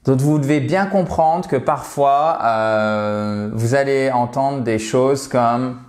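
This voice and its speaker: A man with a mild cold explains language tips in a relaxed, emphatic teaching voice. He keeps checking that his viewers follow him. The room gives his voice a noticeable echo. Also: mid-range voice, takes it slowly. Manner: chatty and emphatic, checks in with "d'accord?". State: has a cold. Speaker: English teacher. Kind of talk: casual spoken lesson to camera. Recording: echoey room.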